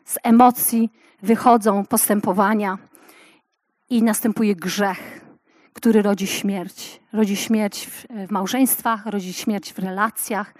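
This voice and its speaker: A woman in her fifties preaching a passionate sermon to women, swinging from loud exclamations to hushed storytelling. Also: mid-range voice, steady tone, slow pace, dry recording.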